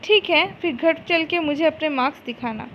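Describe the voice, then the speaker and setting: A woman reading a fan story and voicing a calm, polite young man who runs a company, in her own high voice. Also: moderate pace, dull audio, slight background noise, natural voice. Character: young male company boss Jungkook.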